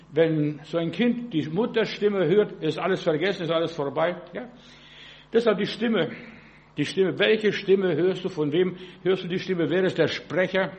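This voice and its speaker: A man giving a sermon in a folksy, halting way, often asking "verstehst du" and restarting words. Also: fairly high pitch. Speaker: preacher.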